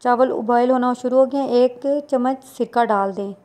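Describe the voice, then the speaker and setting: A woman's voice: on the high side, warm tone. Woman host talking through a recipe. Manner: plain instructional, unhurried with small restarts. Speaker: cooking channel host. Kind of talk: step-by-step recipe voice-over.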